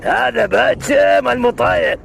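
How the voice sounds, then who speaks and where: Man acting bossy village man, Iraqi Arabic accent, very creaky high voice, comic dialogue, music behind. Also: normal speed, a bit bright, exaggerated voice. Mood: instructive.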